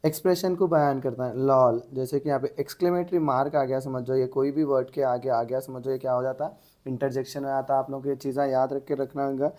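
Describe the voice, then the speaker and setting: A man's voice: mid-range voice, level tone, a little fast, warm tone. A man teaching an exam-prep English grammar lesson, asking the class questions and answering them himself.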